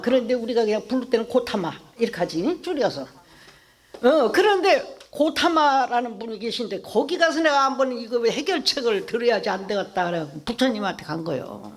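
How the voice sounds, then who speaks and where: A Buddhist monk giving a conversational sermon in a temple, often quizzing the audience. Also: mid-range voice. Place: temple dharma hall.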